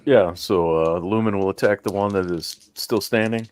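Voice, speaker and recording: A man explains his character's move in a tabletop game, hesitant and full of fillers. His voice sits very low. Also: moderate pace, darkish tone, smooth. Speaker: player. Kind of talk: casual tabletop game play.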